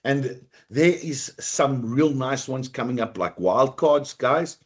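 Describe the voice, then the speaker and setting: A man teaching an online exam-prep class over a computer mic, chatty, with a rough, coughing throat and a habit of saying "guys". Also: mid-range voice, expressive, slow pace. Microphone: computer mic on a video call.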